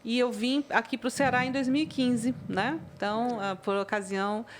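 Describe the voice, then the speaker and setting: A woman born in Taiwan whose first language was Chinese, speaking in a relaxed interview. Her voice sits a little high, and she talks thoughtfully, pausing on fillers and ending phrases with little tag questions. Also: slight background noise. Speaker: interviewee, university music professor.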